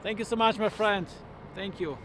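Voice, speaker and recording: A man's voice: sits high, moderate pace, a bit bright, a little hiss or hum. A man hosting a livestream, chatting casually to his viewers. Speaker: livestream host.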